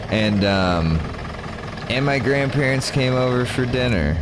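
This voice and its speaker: A man's voice: on the low side, noisy background. A young man streaming a game, talking in a drowsy, rambling, self-mocking way. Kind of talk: casual gameplay commentary.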